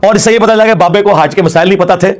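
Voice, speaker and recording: A man giving a religious lecture, mocking his opponents and laughing as he argues. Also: sits high. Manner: mocking, laughs while arguing. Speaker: Islamic scholar.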